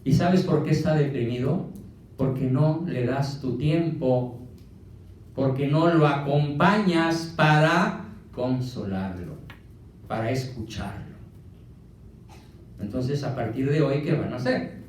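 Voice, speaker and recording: A man's voice: mid-range voice, slow, pauses often, darkish tone. A man with a Mexican accent giving a motivational lecture, firing rhetorical questions at his audience. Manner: emphatic, fires rhetorical questions. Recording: echoey room from a distant mic.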